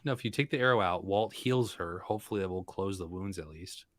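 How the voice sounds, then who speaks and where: A man's voice: deep voice, fairly quick, fairly bright tone, dry recording, studio quality. A man chatting casually as a player in a tabletop game, explaining what his character does.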